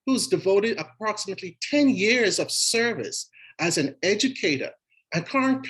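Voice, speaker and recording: A man's voice: sits high, a bit bright, low-quality recording. A man hosts the evening and reads the guests' bios in a formal tone. He trips over a name now and then and corrects himself. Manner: formal, with occasional stumbles over names. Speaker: event host. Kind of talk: reading speaker bios.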